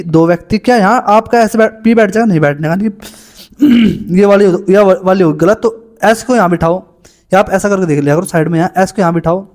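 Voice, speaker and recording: Man, high voice, young adult, exam coaching teacher, chatty and informal, solving puzzles on a board. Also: darkish tone. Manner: chatty, calls students "bhai".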